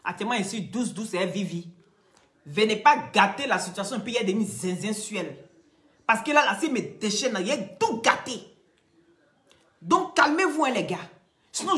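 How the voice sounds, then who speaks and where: A woman talking casually to her viewers, animated and scolding, going from loud outbursts to quiet pleading. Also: a little high. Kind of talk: casual chat, addressing viewers.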